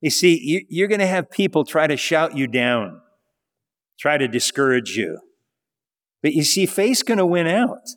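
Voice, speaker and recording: A man's voice: fairly high pitch, sing-song, unhurried, big-room sound. A male pastor preaching a sermon in a conversational style, with rhetorical questions.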